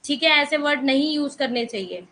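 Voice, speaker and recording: A woman's voice: high voice, expressive, a little fast, pushed and bright, low-quality recording. A woman teaching an online economics class, mixing in English terms and firmly scolding students in the chat. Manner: mixes Hindi with English terms.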